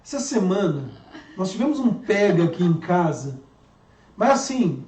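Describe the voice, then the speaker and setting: A man's voice: sits high, big pitch swings, measured pace, a little mellow, echoey room, far from the mic. A male pastor giving a casual talk to parents, chatty and telling home anecdotes.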